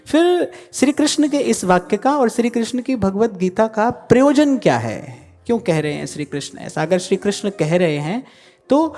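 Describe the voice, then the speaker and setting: A man gives a scripture discourse to a gathered audience, speaking in a measured, explanatory way and leaning hard on key words. His voice hangs in a long hall reverb, with soft music underneath. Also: high-pitched. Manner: measured, explanatory, with emphatic stresses. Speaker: spiritual teacher.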